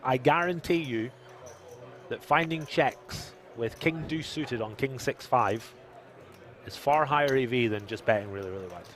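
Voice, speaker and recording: A man's voice: medium pitch, moderate pace, fairly bright tone. A male poker commentator on a live stream. He trades jokes with his co-host and reads viewer chat aloud between hands.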